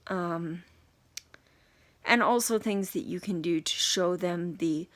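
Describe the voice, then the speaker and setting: A young woman giving an unscripted talk to camera, halting and hesitant, with many pauses and fillers. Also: lowish voice, a bit bright. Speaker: video blogger reviewing a book.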